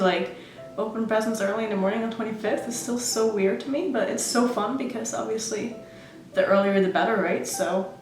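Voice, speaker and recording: A beauty vlogger raised in Norway talks casually to her audience, describing each step while putting on makeup. The mid-range female voice comes through a rough, reverberant recording.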